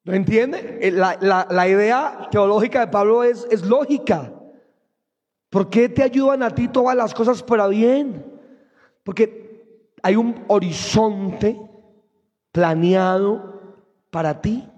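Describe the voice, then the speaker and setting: A man with a Colombian accent preaching a lively, humorous sermon that rises to shouts. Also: high-pitched, takes it slowly, long pauses, in a large hall, dull audio. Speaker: pastor.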